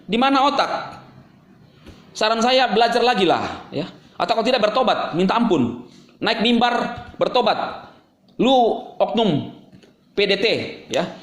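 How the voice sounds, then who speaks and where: A man's voice: high-pitched, roomy sound. A man hosting his own channel, delivering a scolding, sarcastic rant straight at a rival. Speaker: YouTube channel host. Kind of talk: angry ranting monologue to camera.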